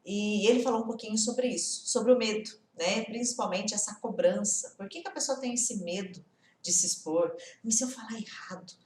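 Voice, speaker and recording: A woman's voice: medium pitch, moderate pace, a little mellow, reverberant. A woman in her forties teaching an online English lesson in a chatty way, asking the viewer many rhetorical questions.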